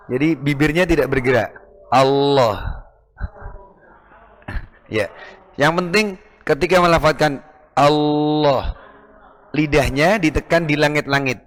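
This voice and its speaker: A man's voice: on the high side, a bit bright. A man teaching Quran recitation, patiently repeating each sound to demonstrate it, with an East Javanese Indonesian accent. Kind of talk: recitation lesson.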